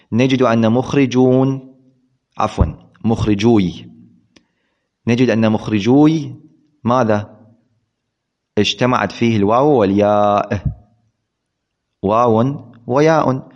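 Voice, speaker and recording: A man's voice: medium pitch, darkish tone. Man, grammar teacher, asks and answers his own questions, repeats key words, dull lo-fi recording. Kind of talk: classroom lesson explaining a text.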